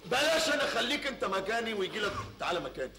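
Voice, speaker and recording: A giggly show-off posing as a mexican noble, high voice, rattles on fast, old theater tape. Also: male voice, big pitch swings. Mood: giggly, chattering. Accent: Egyptian Arabic. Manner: giggly, chattering, breaks into loud laughter. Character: giddy, boastful grown man posing as a Mexican noble. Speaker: comic stage actor. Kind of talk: live stage comedy. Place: theater stage with live audience. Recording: roomy, noisy old theater stage recording.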